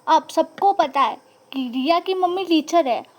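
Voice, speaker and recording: A woman with a high voice recounts a personal story at an unhurried pace. She tells it dramatically, repeating phrases for emphasis. She slips English words into her talk. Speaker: vlogger.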